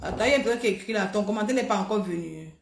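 A woman hosting a live stream, talking in an animated, mocking, repetitive way. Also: medium pitch, very fast, gravelly, echoey room. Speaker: livestream host. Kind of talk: heated live-stream rant.

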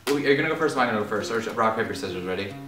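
Bright, chatty man in a roomy space. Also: lowish voice, animated, racing. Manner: earnest and chatty, sentimental. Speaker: channel host. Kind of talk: casual chat, party game. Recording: roomy, distant mic, music playing.

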